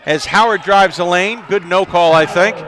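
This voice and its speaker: Play-by-play man calling basketball courtside, bright, high voice, headset mic, laughs easily. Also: slight background noise. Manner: quick to laugh, chatty between plays. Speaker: play-by-play commentator. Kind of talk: live basketball commentary. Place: arena broadcast position.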